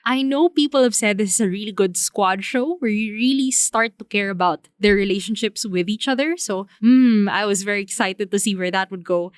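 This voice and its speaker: Woman, mid-pitched, crisp voice, informal review chat, speaks straight to listeners, very dry recording. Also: no room sound. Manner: chatty, informal, addresses listeners directly. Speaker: podcast host. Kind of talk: casual solo drama review.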